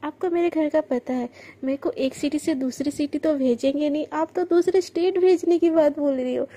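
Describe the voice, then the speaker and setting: A woman's voice: sits high, normal speed, mellow, close to an everyday voice. Woman voicing a teasing, affectionate young girlfriend. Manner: coaxing, affectionate.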